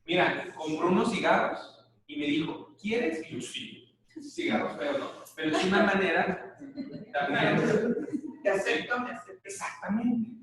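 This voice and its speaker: A middle-aged man with a Mexican accent lectures on body language at a live conference, telling jokey stories and checking in with the audience. His high, expressive, slightly bright voice moves at a measured pace, heard from afar in a large, echoey lecture hall.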